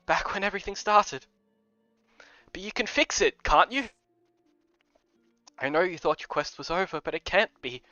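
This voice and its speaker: A man voicing an older head housemaiden woman with a slight Scottish accent, soft and pleading, reading a game aloud. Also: high-pitched, animated, normal speed, pauses often, dry recording, faint music behind. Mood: sorrowful. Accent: slight Scottish put-on. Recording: dull lo-fi recording.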